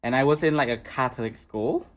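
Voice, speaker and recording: A man's voice: mid-range voice, fairly quick. A young man from Vietnam who performs drag, speaking as a guest in casual chat, joking and loose with lots of fillers.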